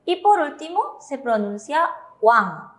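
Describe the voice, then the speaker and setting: A woman teaching Korean pronunciation in Spanish with a Paraguayan accent, explaining slowly and patiently and checking in with her students. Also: a little high, lively intonation, reverberant. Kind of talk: slow, careful classroom explanation.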